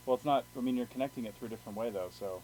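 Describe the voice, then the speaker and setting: Some hiss and static sit on this live podcast recording. A man hosts in a casual, conversational style at an average pitch. His delivery is blunt and matter-of-fact. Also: racing, warm tone, rough recording. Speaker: podcast host. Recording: hissy static-laden live podcast audio.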